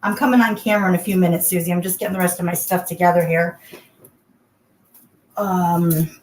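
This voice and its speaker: A woman's somewhat low, darkish voice moves briskly with fairly even intonation as she hosts a chatty livestream indoors in a bathroom. She welcomes viewers by name along the way, amid echoing acoustics and plainly audible background noise.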